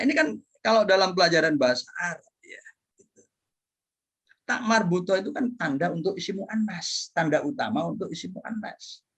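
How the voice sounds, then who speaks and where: A man giving an animated classroom lecture, tagging his points with frequent questions. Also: on the high side, breathy edge.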